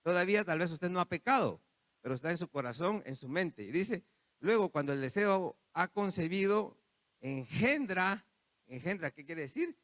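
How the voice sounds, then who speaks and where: Lively-voiced man preaching a sermon. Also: high-pitched, normal speed, no echo. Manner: preaches with repeated phrases and asides to the congregation. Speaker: pastor.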